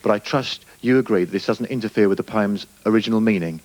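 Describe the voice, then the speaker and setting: A man's voice: fairly low pitch, fast talker, darkish tone, no echo. A young man doing stand-up with a dry, mock-serious delivery. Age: young adult. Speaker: stand-up comedian. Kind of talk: stand-up routine. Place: comedy club stage.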